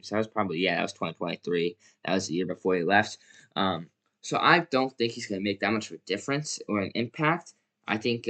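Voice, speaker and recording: A man's voice: on the low side, sharp tone. A young man casually giving his opinions on basketball, rambling and correcting himself with lots of fillers. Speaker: basketball commentator. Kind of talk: casual solo sports commentary.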